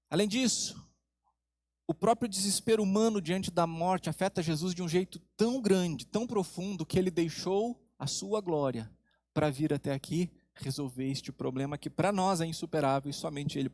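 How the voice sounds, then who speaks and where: A man preaching a sermon as pastor, with dramatic pauses, dropping low and soft for emphasis and asking the congregation questions. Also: no room sound.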